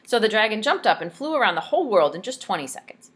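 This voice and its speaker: A woman reading a story aloud to children in a teacherly, expressive way, pausing to ask questions. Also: medium pitch, husky. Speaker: speech therapist reading aloud.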